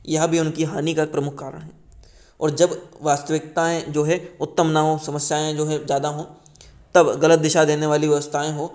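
A man reads a book preface aloud for his channel. His voice sits a little high and stays level, with little rise and fall. He reads earnestly and stumbles and restarts now and then. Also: a little mellow. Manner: earnest reading with small slips and restarts. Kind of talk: reading aloud an article.

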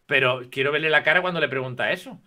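A man's voice: fairly high pitch, fast talker, bright, forceful tone. A man in his forties in a live online debate, insistent and demanding not to be interrupted. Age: 40s.

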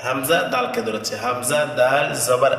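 A man teaching Quran reading, spelling out letters and explaining the rules, then slowly chanting the words in a drawn-out sung style. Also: medium pitch, fairly even intonation, fairly bright tone, recorded from a distance, faint music behind. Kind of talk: step-by-step tajweed lesson with chanted recitation. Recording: echoey hall, voice from afar.

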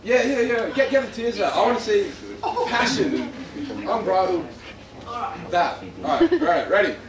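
A man with a high, bouncy voice plays a flustered director in a comedy skit, calling takes in fits and starts. He is picked up from far off in a roomy hall. An audience murmurs behind him. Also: big pitch swings, a crowd in the background. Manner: exasperated, halting director.

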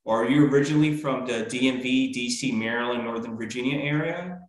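A man's voice: medium pitch, fairly quick, roomy sound, poor audio. A man in his thirties hosting a business interview show, upbeat and polite, guiding his guest with questions. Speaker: host. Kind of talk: interview hosting over video call. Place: small room with bare walls.

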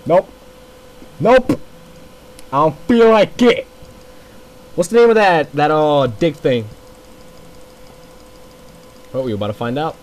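Through poor audio comes a slightly mellow voice on the high side, speaking slowly with frequent pauses. The man offers casual, profane, rambling remarks while gaming, laughing often as he goes.

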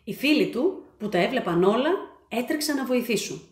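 A woman reading her children's book aloud, with animated, expressive storytelling. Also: fairly high pitch. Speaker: storyteller and author. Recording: echoey room.

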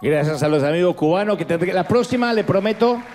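A middle-aged Argentine man preaching a sermon as pastor, animated and playful. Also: sits high, fairly quick, long reverb tail, faint music behind. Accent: Argentine Spanish. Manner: animated, playful, rising to calls to the crowd.

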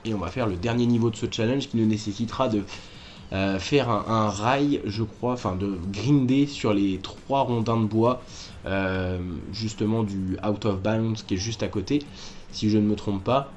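Man, gameplay commentary, slightly low voice, chatty, faint game noise behind. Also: steady tone, moderate pace, darkish tone, dull audio. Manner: chatty, self-correcting, addresses viewers directly. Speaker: gaming walkthrough host.

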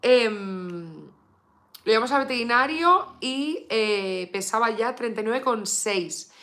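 Woman streamer, from Spain, bright tense voice, chatty and rambling, coos to her dog. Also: fairly high pitch, expressive, takes it slowly. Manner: chatty, lots of fillers, reads viewer comments aloud. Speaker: beauty vlogger live streaming. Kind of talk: casual live stream chat.

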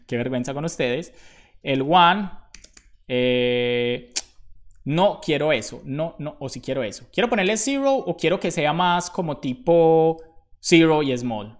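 A man, live-coding for viewers in a relaxed, chatty way, thinking aloud as he works and joking about his own slips. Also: a little high. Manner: thinks aloud, talks to himself while typing. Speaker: programmer streaming live. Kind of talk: casual live-coding tutorial.

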